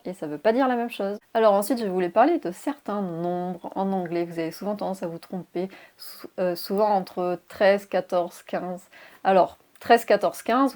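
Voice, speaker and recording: A woman's voice: medium pitch, dark tone. Woman teaching English pronunciation. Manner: clear teacherly explanation, spells words out letter by letter. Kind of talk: video lesson.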